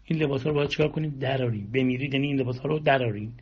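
A man's voice: mid-range voice, slightly rough. A man giving a spiritual sermon, exhorting listeners with rhetorical questions and long lists, on a dull lo-fi recording. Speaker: religious speaker.

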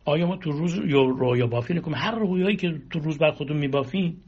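A man's voice: on the high side, a little mellow, husky. A man giving a spiritual sermon, exhorting listeners with rhetorical questions and long lists, on a dull lo-fi recording. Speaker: religious speaker.

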